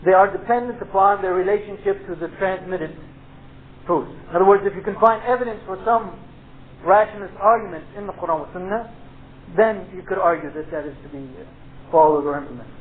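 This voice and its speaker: A man lectures informally as an Islamic studies teacher, explaining point by point with frequent checks and Arabic terms. His voice is high, on a thin phone-like tape with faint noise. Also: fairly quick. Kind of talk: informal lecture with question and answer.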